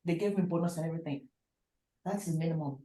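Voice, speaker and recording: Blunt woman in her 40s, lower voice, instructor addressing a class in an echoey room. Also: fast talker, mellow. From Nigeria. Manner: emphatic, blunt, repeats for stress. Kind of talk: frank motivational talk in class.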